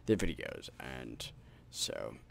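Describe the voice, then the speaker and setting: A tired male gaming host with an extremely low voice and a gravelly crackle of vocal fry. He rambles on casually to his viewers, swearing freely as he signs off. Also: big pitch swings, slow pace. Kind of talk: rambling outro chat to viewers.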